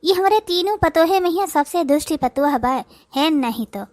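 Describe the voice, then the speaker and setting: A woman's voice: high voice, expressive, normal speed, darkish tone, no room sound, clean studio sound. A woman voicing a grumbling, suspicious old mother-in-law in a cartoon, speaking with an Awadhi accent. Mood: complaining. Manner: whiny, complaining, gossiping to the audience. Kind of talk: comic cartoon dialogue.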